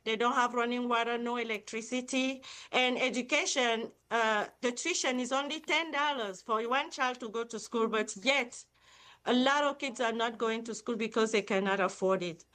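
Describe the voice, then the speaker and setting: During a live interview, a middle-aged woman with a Cameroonian accent talks about the charity she founded and leads as CEO, upbeat and full of enthusiasm. Her slightly high voice is smooth and fairly bright, with fairly even intonation and a normal pace.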